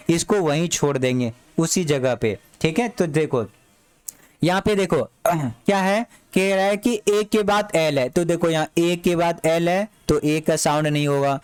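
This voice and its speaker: A man teaches a lesson in a high, smooth voice. He repeats each word again and again and asks his students to say it back. The sound is dry and close, with no room echo. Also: a little mellow. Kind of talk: classroom lesson.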